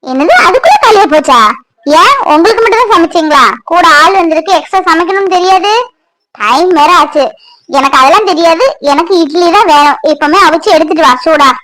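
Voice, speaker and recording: A woman's voice: very high voice, animated, brisk, a bit bright, no echo, poor audio. A woman voicing a demanding, bossy young sister-in-law in a cartoon, scolding. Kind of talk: Tamil cartoon voice acting.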